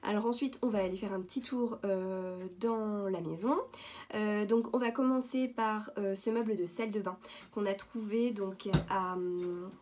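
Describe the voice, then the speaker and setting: Mellow-voiced woman chatting casually. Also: mid-range voice, normal speed, slight background noise. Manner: chatty, hesitant with many fillers and restarts. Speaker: vlogger showing thrift finds. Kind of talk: casual show-and-tell vlog. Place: at home, indoors.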